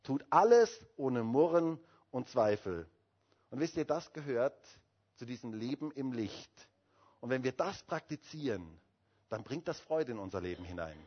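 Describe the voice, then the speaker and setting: A man's voice: medium pitch, lively intonation, moderate pace, breathy edge. A male pastor preaching a sermon with emphatic calls and rhetorical questions to the congregation. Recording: dull lo-fi sermon recording.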